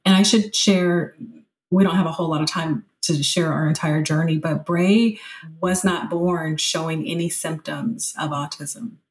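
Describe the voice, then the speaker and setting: A woman guest on a podcast, talking in an animated, conversational way, laughing often and speaking to listeners as friends. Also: deep voice, measured pace, poor audio. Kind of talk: conversational storytelling.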